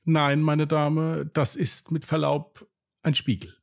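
A man's voice: a little high, monotone, slow pace, creaky. Man doing a patient museum guide. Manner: patient, formal and polite.

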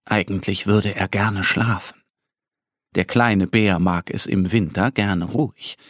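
A man narrating a children's audio story in a gentle storytelling manner with a husky voice. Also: low voice, steady tone, takes it slowly, no room sound, studio quality.

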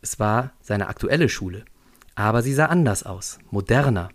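A man's voice: on the low side, animated, moderate pace. A man narrating a scripted story on a school podcast in a dry, lightly ironic way.

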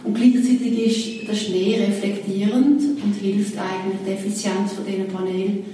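A woman's voice: mid-range voice, little pitch movement, normal speed, mellow, faint music behind. A woman interviewer, asking curious, engaged questions. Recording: distant voice in an echoey room.

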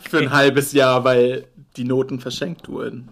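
A young man with a mid-range voice co-hosts a casual podcast. He reads lyrics and makes dry, deadpan jokes at his own expense. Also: mid-range voice, unhurried. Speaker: podcast co-host. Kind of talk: casual podcast game banter.

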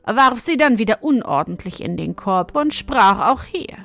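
A woman narrating a fairy tale in a measured, expressive storytelling manner. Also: fairly high pitch, creaky. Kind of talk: fairy-tale audiobook reading.

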